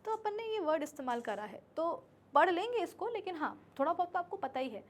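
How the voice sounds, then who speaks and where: A woman's voice: very high-pitched, sing-song, fairly quick. A woman teaching a physics class, chatty, acting out little scenes and her students' replies, often checking that they understand. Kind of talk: classroom lecture in Hindi with English terms.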